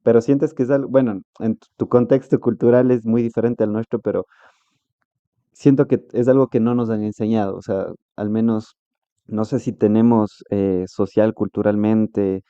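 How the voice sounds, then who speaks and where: A man's voice: lowish voice, steady tone, moderate pace, mellow, clean tone, no echo, lo-fi sound. A man hosting an interview podcast, asking rambling questions and backing up his guest with frequent "ujú". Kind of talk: casual interview talk.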